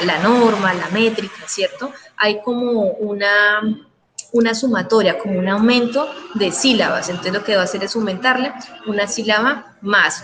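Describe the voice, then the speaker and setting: A woman's voice: mid-range voice, background noise. A Colombian woman teacher, middle-aged, patiently explaining verse to students in an online class and checking that they follow. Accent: Colombian Spanish. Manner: patient, checks understanding with frequent questions.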